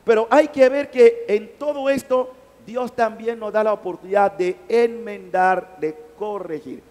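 A male priest with a Panamanian Spanish accent preaching a sermon in a large church, emphatic, with loudness that swells and drops. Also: high-pitched. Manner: emphatic, rising and falling loudness. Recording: long hall reverb.

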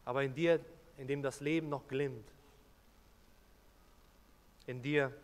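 A man's voice: medium pitch, steady tone, slow. A man preaching a sermon, earnest and rising to fervent appeals to the listener. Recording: long church reverb.

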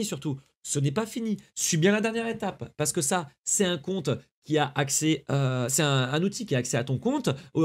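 Young male streamer, higher voice, slangy, chatty tutorial delivery. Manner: chatty, slangy, addresses viewer directly. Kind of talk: casual screen-recorded tutorial.

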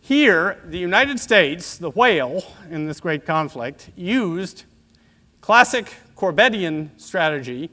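Casting: man, 60s, discursive old professor, slightly higher-pitched voice, measured lecture delivery with asides. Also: sing-song, bright, forceful tone. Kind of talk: academic lecture. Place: auditorium stage at a lectern, indoors.

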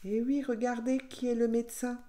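A schoolteacher telling a silly story to children in a playful, expressive way. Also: female voice, fairly high pitch, moderate pace.

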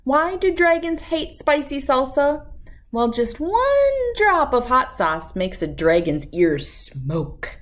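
High-pitched, animated woman reading a storybook. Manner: expressive, emphatic storytelling with dramatic pauses. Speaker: read-aloud host.

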